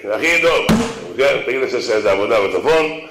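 A man giving a humorous religious talk to an audience, animated and slangy, often repeating phrases. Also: medium pitch. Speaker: speaker to an audience. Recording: roomy echo.

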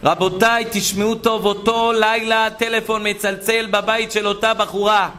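A man preaching a sermon full of stories, animated and acting out the voices of the people in them. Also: sits high. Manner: animated, acts out quoted voices. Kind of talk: sermon with storytelling.

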